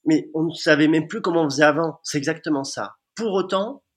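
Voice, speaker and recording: A man's voice: a little high, fairly quick. Man dentist chatting hesitantly. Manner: conversational, hesitant. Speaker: dentist guest. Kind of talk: podcast conversation.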